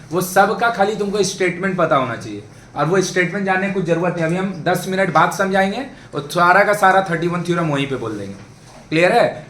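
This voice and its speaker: This man's voice sits high and sounds a bit bright. He's teaching math to a class in a chatty way, frequently making sure the students understand, and the room echoes with faint noise behind him.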